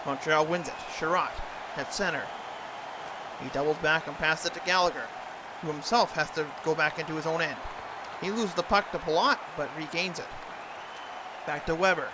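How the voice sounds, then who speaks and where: Guy doing hockey announcer impression, play-by-play of a video game, voice a bit high, noisy game sound behind him. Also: moderate pace, long pauses, crowd noise. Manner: imitating a TV sports announcer's delivery. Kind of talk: live sports commentary over video game.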